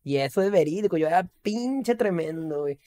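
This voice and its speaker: Fast-talking Mexican man. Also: high voice, lively intonation, warm tone. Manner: rapid, rambling anecdotes with slangy swearing. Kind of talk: casual chat.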